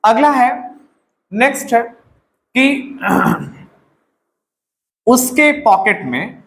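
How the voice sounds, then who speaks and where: Slow, high-voiced Indian male teacher. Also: expressive, a bit bright, reverberant, low-quality recording. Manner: explains slowly, repeating words and phrases. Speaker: English grammar teacher. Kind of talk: classroom-style grammar lesson.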